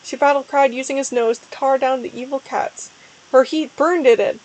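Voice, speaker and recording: A woman's voice: sits high, fairly even intonation, normal speed, a little mellow, low-quality recording. A woman streamer doing a mock-dramatic reading, breaking off for wry, joking asides to her chat.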